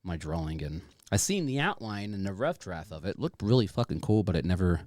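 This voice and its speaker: A man's voice: low voice, sing-song, a little fast, darkish tone, dry recording. A man hosting a podcast in casual chat, rambling and playful, with some swearing. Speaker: podcast host.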